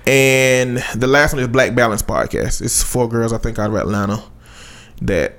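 Male podcast co-host, medium pitch, conversational, rambles along with halting phrasing. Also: gravelly, a bit bright. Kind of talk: casual podcast chat.

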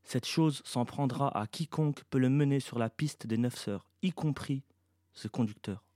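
A man's voice: mid-range voice, normal speed, mellow, dry recording, studio quality, close to an everyday voice. A man voicing a secretive, commanding mother who gives firm, clipped orders. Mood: stern.

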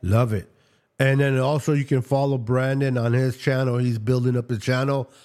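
A man's voice: mid-range voice, little pitch movement, moderate pace, a little mellow. A man hosting a casual sports podcast, teasing his co-hosts and tossing in Spanish slang while he wraps up the show. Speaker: podcast host.

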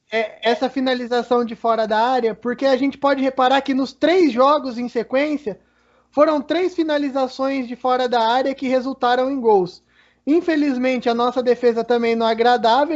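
A man with a Brazilian accent giving casual football analysis as a co-commentator. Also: darkish tone. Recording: dull, low-fidelity audio.

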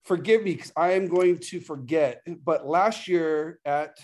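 A man's voice: fairly high pitch, measured pace, darkish tone. A man chatting casually about a shooting match, enthusiastic and laughing a lot. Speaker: guest shooter. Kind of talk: casual chat.

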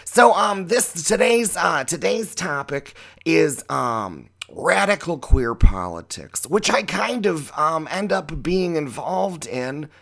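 A man's voice: a little high, big pitch swings, slow pace, vocal fry, a bit bright. A middle-aged man hosting a podcast as a drag queen, giving a rambling, tangential, profane monologue. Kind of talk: opinionated monologue.

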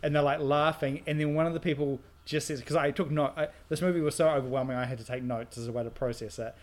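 A man's voice: on the high side, fairly even intonation, fast. A man co-hosting a podcast, chatting casually about a bad movie, rambling animatedly with frequent restarts. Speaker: podcast co-host. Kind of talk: casual movie review chat.

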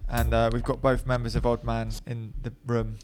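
A man's voice: medium pitch, completely flat delivery, normal speed, darkish tone, soft background music. A man hosting a casual radio chat in a record shop, joking in laid-back banter. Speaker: radio show host.

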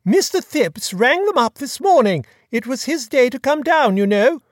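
A narrator voicing an elderly dowager duchess who gossips slowly and emphatically on the telephone, in an audiobook. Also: sits high, very animated, no echo, clean studio sound, pitched above the performer's own voice. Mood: gossiping. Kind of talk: audiobook dialogue.

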